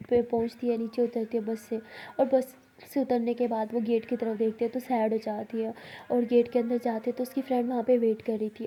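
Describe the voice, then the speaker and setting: A woman's voice: fairly high pitch, dark tone, slight background noise. A woman narrating a love story casually, retelling each turn with many "she says".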